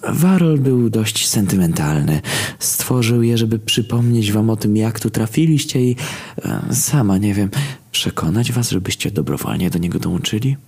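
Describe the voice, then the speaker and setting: A cold female villain from the abyss, voiced by a man, who talks down to her enemies in an unhurried, dismissive way. The voice is husky and mellow, in a story reading. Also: fairly low pitch. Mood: calm scorn. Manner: calm, dismissive.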